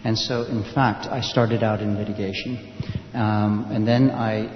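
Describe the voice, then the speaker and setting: A man from the United States, a panel speaker, telling his story quickly and correcting himself as he goes. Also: on the low side, steady tone. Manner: quick, loosely structured, self-correcting. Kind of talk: personal story at a panel event. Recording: dull echoey hall with faint hiss.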